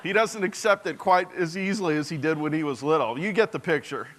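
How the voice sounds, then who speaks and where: Man, 40s, sermon storyteller: earnest, bright and a touch high, addresses the congregation directly. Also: brisk, a little hiss or hum. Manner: earnest, drops to a soft hushed voice for tender moments; engages the audience directly.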